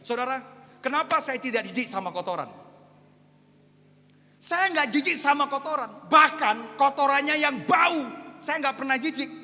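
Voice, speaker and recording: A male pastor in his thirties preaching a storytelling sermon to a congregation, moving between hushed and fervent delivery. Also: very high-pitched. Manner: storytelling, addresses congregation as Pak and saudara; swings from hushed to loud, fervent. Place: church hall. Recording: long echo of a church hall.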